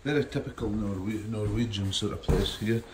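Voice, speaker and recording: Guy walking round a lodge filming on his phone, laid-back and halting, echoey rooms, lots of handling noise. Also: on the low side, fairly even intonation. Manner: unhurried, informal, halting with fillers. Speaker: fishing guide giving a lodge tour. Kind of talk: casual walk-through tour. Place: wooden lodge rooms and hallways, indoors. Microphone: phone camera held while walking.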